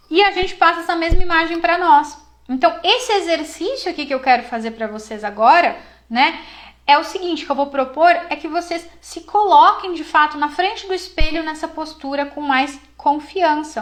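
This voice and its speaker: High-voiced woman coaching a live class. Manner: encouraging, lively and conversational, with many fillers. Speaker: psychologist teaching a class.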